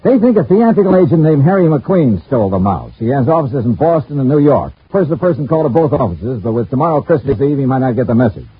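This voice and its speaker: A man's voice: mid-range voice, sing-song, fast talker, hardly any pauses, slightly rough. An actor playing a wry male insurance investigator who narrates his own case in an old radio detective drama. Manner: wry, dry, hardboiled narration. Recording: tinny scratchy old radio broadcast.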